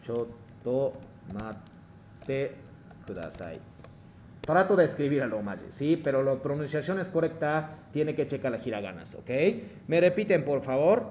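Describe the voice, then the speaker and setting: A man teaching an online class, with halting phrasing and many fillers. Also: medium pitch, big pitch swings, a little mellow, slight background noise. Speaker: Japanese teacher.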